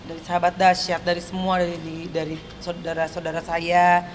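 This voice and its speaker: Soft-spoken man with background noise. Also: sits high, completely flat delivery, fairly quick. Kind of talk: casual interview.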